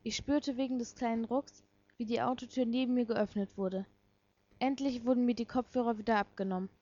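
A woman reading a first-person story aloud in a soft, subdued, dramatic way. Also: a little high, steady tone, a little fast. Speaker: story reader. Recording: dull lo-fi recording.

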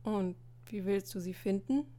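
A woman voicing an earnest teenage schoolboy who reasons in a measured, slightly formal way. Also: mid-range voice, mellow, close to an everyday voice.

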